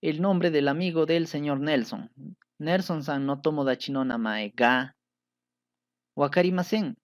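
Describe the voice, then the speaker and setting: Hombre paciente explicando gramática japonesa. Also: male voice, a little high, a little slow, no room sound, clean studio sound. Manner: patient, checks understanding with frequent "¿sí?". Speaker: Japanese language teacher. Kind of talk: explanatory lesson.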